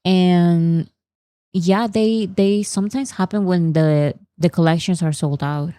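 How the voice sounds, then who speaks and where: Low-voiced woman reacting casually. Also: steady tone, slow pace, warm tone, no echo. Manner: chatty, thinks aloud, reads chat comments and answers them. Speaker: reaction channel host.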